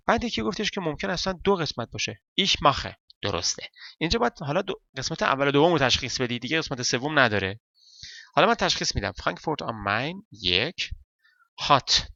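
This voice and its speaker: A man whose first language is Persian, teaching a German lesson step by step and reading German sentences slowly. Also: fairly high pitch, creaky, sharp tone, no room sound, dull audio. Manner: explains step by step, counting parts aloud; reads German slowly and deliberately.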